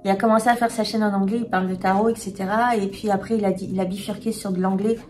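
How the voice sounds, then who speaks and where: A woman chatting candidly to camera as a tarot reader, talking frankly and often pausing to search for words. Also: medium pitch, steady tone, a little mellow, soft background music. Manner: hesitant, many filler pauses, frank and confiding. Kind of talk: candid casual vlog chat.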